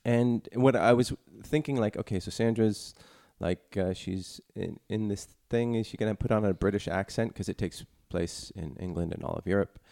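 A man co-hosting a casual talk, speaking haltingly with dry quips. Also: fairly low pitch, gravelly, mellow. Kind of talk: casual chat.

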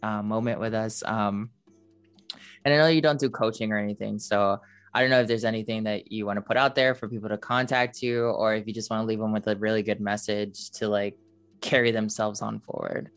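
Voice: mid-range voice, steady tone, brisk, smooth, no room sound, soft background music. Slangy, informal podcast host. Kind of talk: casual chat.

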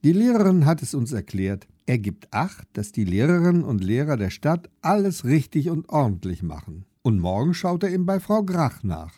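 A man's voice: medium pitch, sing-song, moderate pace, few pauses, dark tone, husky, no room sound, studio quality. A man voicing a young schoolgirl witch in an audiobook, a patient big sister who explains things matter-of-factly. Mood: explaining. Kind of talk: audiobook character voice.

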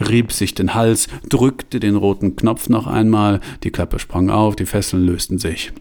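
Low-voiced man reading a story. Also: steady tone, measured pace, a little mellow. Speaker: narrator. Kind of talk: audiobook reading.

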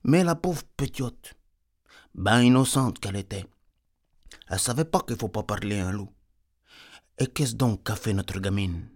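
A man's voice: fairly low pitch, measured pace, long pauses. A man telling a tale in a comic folksy way, rambling off into peasant chatter. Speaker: storyteller.

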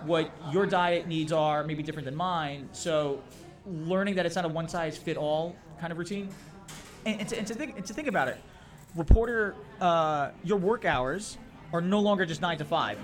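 A man who works as a political reporter, chatting casually as a podcast guest and telling animated stories. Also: fairly high pitch, brisk, soft background music. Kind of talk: casual chat.

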